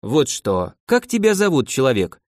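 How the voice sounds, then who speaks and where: A man doing a softly menacing archmage. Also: medium pitch, wildly swooping pitch, normal speed, no echo, clean studio sound. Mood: soft menace. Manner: softly coaxing, indifferent menace. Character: cold, menacing male archmage, calmly cruel.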